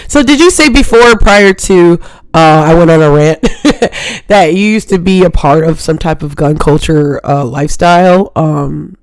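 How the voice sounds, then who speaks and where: A woman's voice: fairly low pitch, a little slow, dry recording. A woman hosting a live call-in talk show, ranting in an emphatic, rambling way and often asking if listeners understand. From Hawaii. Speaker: show host.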